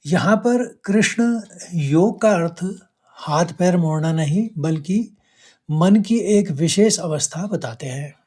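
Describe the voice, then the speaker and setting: A man teaching a scripture verse, explaining each word slowly and chanting the Sanskrit lines. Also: high-pitched, animated, darkish tone. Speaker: Gita teacher. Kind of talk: slow Sanskrit recitation lesson.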